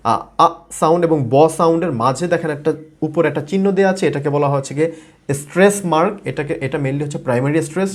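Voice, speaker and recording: A man's voice: on the high side, darkish tone. A man from Bangladesh, a native Bengali speaker, teaching English pronunciation in a video lesson, repeating and modeling words with frequent fillers.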